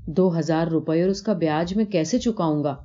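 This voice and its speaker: A woman voicing a poor, quiet father worried about his debt, brooding and low-key, on a dull lo-fi recording. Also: lightly acted.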